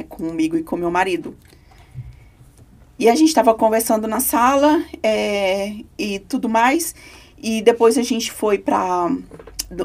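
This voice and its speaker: A woman's voice: mid-range voice, creaky, a little mellow. A woman, a podcast guest giving an earnest, emotional personal testimony.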